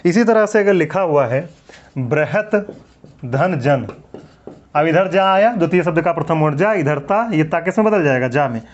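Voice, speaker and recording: Man, grammar teacher, lecture, asks and answers his own questions, slightly high voice, muffled lo-fi sound. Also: lively intonation. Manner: asks questions and answers them himself, repeats answers; drawn-out repetition of words. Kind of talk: classroom lecture. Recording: dull lo-fi recording.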